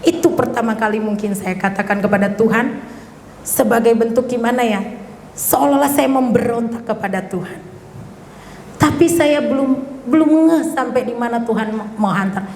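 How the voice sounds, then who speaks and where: A woman's voice: on the high side, normal speed, darkish tone, a little hiss or hum. A middle-aged woman, a pastor's wife, gives an emotional testimony sermon, often calling the congregation "saudara". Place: church hall. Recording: echoey church hall.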